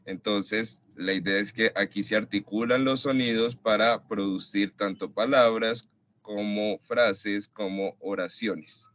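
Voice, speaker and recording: Man, lecturer, low voice, online class, explanatory, dull lo-fi web audio. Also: steady tone, measured pace, fairly bright tone. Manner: explanatory, addresses students directly. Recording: dry, dull lo-fi call audio.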